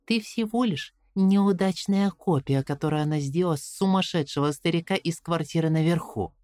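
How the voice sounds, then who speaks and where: A woman's voice: on the low side, normal speed, dark tone, no room sound, clean studio sound, pitched above the performer's own voice, lightly acted. Coraline, as a woman narrator puts her on. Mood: defiant. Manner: indignant, questioning, defiant. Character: Coraline, clever stubborn young girl.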